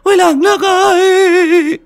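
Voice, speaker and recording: A man voicing a frantic village mother, calling out and crying in high shrill cries. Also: steady tone, a little slow, faint music behind. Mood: wailing.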